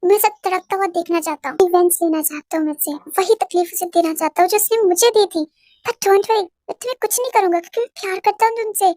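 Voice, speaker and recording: A woman's voice: very high-pitched, fairly even intonation, quick pace, dark tone, dry recording, clean studio sound. A woman voicing an obsessive, vengeful young man who makes gloating, cold threats in a fan audio drama. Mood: menacing.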